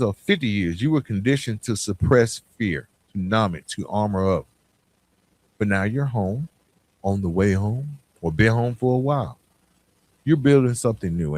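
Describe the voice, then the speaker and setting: With a fairly low, darkish voice, this podcast host speaks straight to his audience, earnest and emphatic, using everyday language to motivate them.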